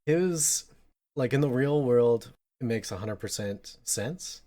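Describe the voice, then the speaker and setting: A man's voice: medium pitch, animated, slow pace, warm tone. A man co-hosting a podcast, chatting casually about a film in a loose, rambling way with many fillers. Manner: loose and rambling, frequent fillers, bursts of laughter. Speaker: podcast co-host.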